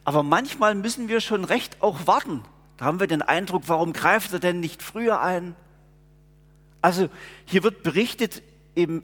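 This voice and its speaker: High-voiced preacher. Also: male voice, fairly bright tone, long reverb tail. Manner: earnest, conversational, explaining. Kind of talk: sermon.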